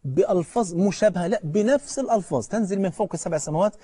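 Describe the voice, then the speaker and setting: Speaking colloquially with an Egyptian accent, this preacher brings stories to life, throws questions at his audience, and slows down solemnly for scripture. The voice sits high but has a dark tone and a breathy edge, recorded without echo.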